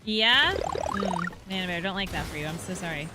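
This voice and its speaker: A woman's voice: fairly low pitch, expressive, normal speed, over loud music. A woman livestreaming while gaming, chatting casually and thanking viewers in a bubbly way. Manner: bubbly, reads out chat and thanks subscribers.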